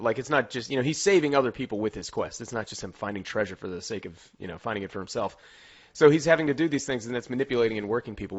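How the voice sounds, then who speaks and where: Male co-host, mid-pitched, hesitant and self-correcting in loose movie chat, slightly muffled recording. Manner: hesitant, rephrasing as he goes. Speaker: podcast co-host. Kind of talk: casual film discussion. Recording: dull, lo-fi sound.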